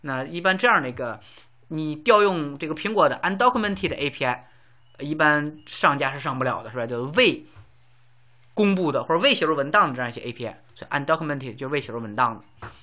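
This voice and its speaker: A man's voice: a little high, animated, quick pace, bright, forceful tone. A man teaching a casual lesson, explaining words with everyday examples and lots of fillers.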